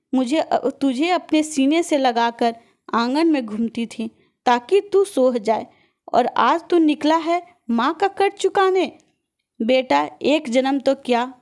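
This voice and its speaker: A woman voicing an elderly, patient mother who speaks calmly and softly in a storybook narration. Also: high-pitched. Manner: calm and soft-spoken.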